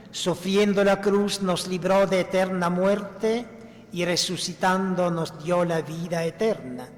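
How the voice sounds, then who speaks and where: A man, a priest, reciting solemn Mass prayers in a measured, formal manner with a cathedral-like echo. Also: sits high. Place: large reverberant church. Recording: cathedral-like echo, long church reverb, background noise.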